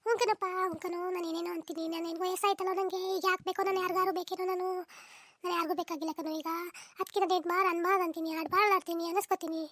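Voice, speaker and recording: A woman's voice: extremely high pitch, little pitch movement, rapid-fire, fairly bright tone, no echo, studio quality. A woman voicing a complaining, self-pitying elderly mother-in-law in a comic cartoon, bickering and lamenting melodramatically. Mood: wailing.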